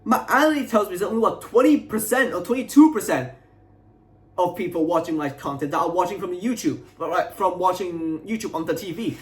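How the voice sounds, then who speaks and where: Young man, high voice, frustrated personal rant, halting and repetitive, rambling delivery. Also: animated, low-quality recording. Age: young adult. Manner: frustrated, aggrieved venting. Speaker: video creator. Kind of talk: unscripted personal rant to viewers.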